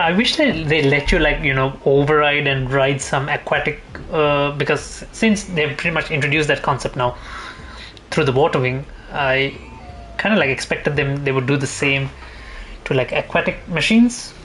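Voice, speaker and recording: A male gaming streamer thinks aloud and rambles in casual commentary while he plays. His voice is mid-range and fairly bright, with slight background noise and faint game ambience.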